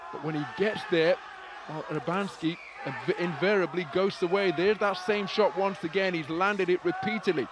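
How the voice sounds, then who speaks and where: A man's voice: high voice, normal speed, a crowd in the background, noisy background. A man giving live boxing commentary, fluent and articulate play-by-play with vivid wording.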